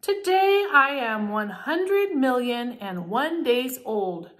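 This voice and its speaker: Woman doing a gentle, polite dinosaur. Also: high-pitched, animated, slow, full character voice. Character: friendly gentle male dinosaur.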